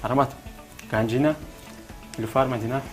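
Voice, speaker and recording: A man's voice: mid-range voice, fairly even intonation, faint music behind. A man with a Tajik accent hosting a TV quiz, coaxing the contestants and repeating their answers back to them. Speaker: quiz show host.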